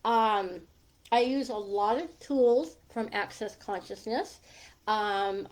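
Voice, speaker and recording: Her voice on the high side and darkish in tone, a coach who is middle-aged or older talks casually to her livestream audience and drifts into rambling tangents. She lisps, and her s comes out slushy and whistling through a gap in her teeth.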